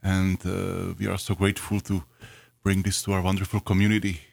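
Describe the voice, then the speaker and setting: Low-voiced Czech man with a continental European accent. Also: monotone, brisk, gravelly, no room sound. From Prague, Czech Republic. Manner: polite, formal, careful phrasing in non-native English. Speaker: guest, orchestra conductor. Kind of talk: radio interview.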